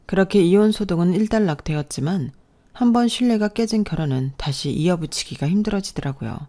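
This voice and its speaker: A woman telling a first-person story in a scripted narration, polite and measured, speaking the lines of the wronged daughter-in-law. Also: fairly low pitch, lively intonation, dark tone. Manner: measured, polite, hurt but composed.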